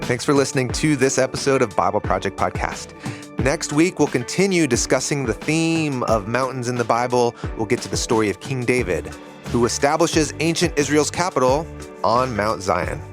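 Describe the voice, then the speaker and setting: A man's voice: medium pitch, expressive, normal speed, over music. A man co-hosting a podcast, affirming his partner's points and reading the closing announcements. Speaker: podcast co-host. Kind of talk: casual discussion and show outro.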